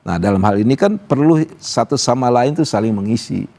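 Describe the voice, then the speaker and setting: A man's voice: medium pitch, expressive, brisk, vocal fry, mellow. A man appearing as an activist guest on a TV talk show, speaking in a casual, talkative way with lots of fillers. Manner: casual and talkative, many fillers like "gitu" and "apa namanya". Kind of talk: live TV talk show discussion. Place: TV studio.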